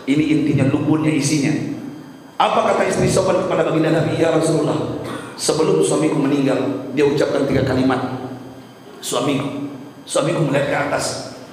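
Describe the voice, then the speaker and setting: A man's voice: fairly even intonation, fairly quick, pauses often, a little mellow. Man giving a sermon, dramatic storytelling, long reverb, faint room noise behind. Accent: Indonesian. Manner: emotive storytelling, pitch soaring on repeated cries. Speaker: preacher. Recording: echoey hall from far off.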